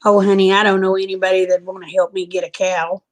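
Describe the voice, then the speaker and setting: A sleep-deprived American woman talks in a loose, rambling livestream chat. Her voice sits at a middling pitch, and her manner is folksy and homey, drifting and slow to follow. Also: little pitch movement. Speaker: livestreamer chatting with viewers.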